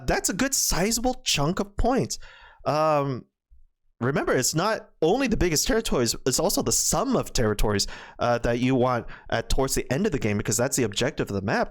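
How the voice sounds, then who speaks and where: A man commentating a Go match, thinking aloud with lots of fillers and sudden excited outbursts. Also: on the high side. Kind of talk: game commentary.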